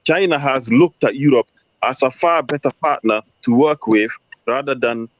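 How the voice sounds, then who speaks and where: A man's voice: mid-range voice, normal speed, no echo, muffled recording. A man lecturing on geopolitics, emphatic and fond of rhetorical questions. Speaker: discussion participant. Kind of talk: lecturing commentary.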